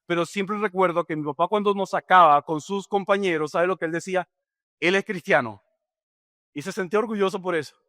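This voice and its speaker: A man's voice: fairly high pitch, fairly bright tone, dry recording, clean studio sound. A middle-aged man preaching a sermon as a pastor, speaking directly and asking rhetorical questions.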